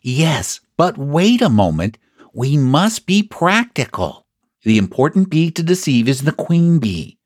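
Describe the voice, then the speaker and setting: A man's voice: fairly high pitch, big pitch swings, a little slow, no room sound, clean studio sound, voice pushed up. A man voicing a small, earnest toy bear from a children's storybook, ponderous and solemn as he schemes. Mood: earnest, plotting.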